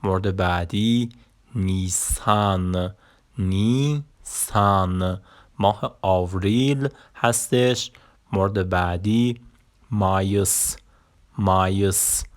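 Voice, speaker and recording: Low-voiced man teaching vocabulary slowly. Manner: slow, repeating each word for learners. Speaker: language teacher. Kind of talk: Turkish vocabulary lesson.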